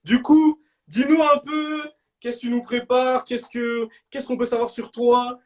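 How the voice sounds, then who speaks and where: A young man hosting a live stream in casual banter, slangy and bursting into shouts. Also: very high voice, level tone, measured pace.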